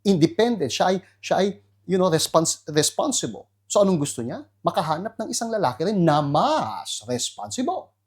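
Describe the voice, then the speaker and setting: An animated male pastor with a Filipino accent preaches to an online audience. His voice leaps high for emphasis, then drops to quiet asides. He slips English phrases in as he talks. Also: moderate pace.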